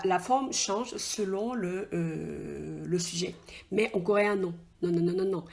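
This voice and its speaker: A woman teaches in a relaxed, chatty way, talking straight to the learner and checking often that they follow. She speaks at a middle pitch, with frequent small hesitations as she explains at the board. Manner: chatty and informal, addresses the learner directly, frequent "tu vois?" and hesitations. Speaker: Korean language teacher. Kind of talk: casual spoken lesson, explaining at a whiteboard.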